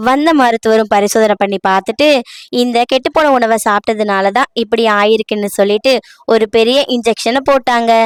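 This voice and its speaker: A woman narrates a children's cartoon story with a smooth, clear voice set a little high. She tells it gently and steadily, with a dry, close sound. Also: no echo.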